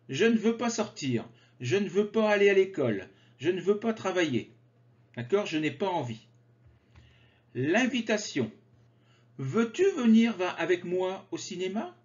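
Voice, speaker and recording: A man teaching French grammar, slowly and carefully articulating conjugation drills. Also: high-pitched. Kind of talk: slow grammar lesson with drills. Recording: slightly dull lo-fi sound.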